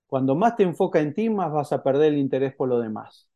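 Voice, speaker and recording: Mellow-voiced male preacher, conversational. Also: on the high side, animated, highs cut off. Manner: conversational, asks the congregation rhetorical questions; halting, with frequent restarts. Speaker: pastor. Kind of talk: sermon.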